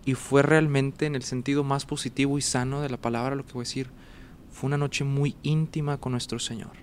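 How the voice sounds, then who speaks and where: A man's voice: mid-range voice, fairly quick, a little hiss or hum. A man, casually telling a personal story as a guest and acting out the dialogue and sounds. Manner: animated, acts out dialogue and sounds.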